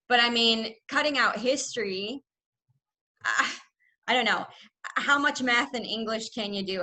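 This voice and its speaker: A chatty woman in her thirties, from the United States, talking in a video-call class. Her voice is bright and she laughs often as she talks. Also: mid-range voice. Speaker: student.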